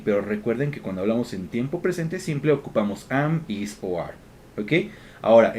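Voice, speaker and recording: A man's voice: mid-range voice, darkish tone. A man teaching English grammar from slides, patient and step by step, often checking in with the class, with faint background noise. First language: Spanish. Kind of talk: slide-based grammar lesson.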